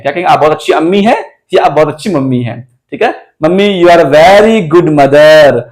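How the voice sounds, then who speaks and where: A man teaching an English class, who explains things slowly and drills sentences word by word. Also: a little high. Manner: explains slowly, addressing students as children. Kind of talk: classroom lesson.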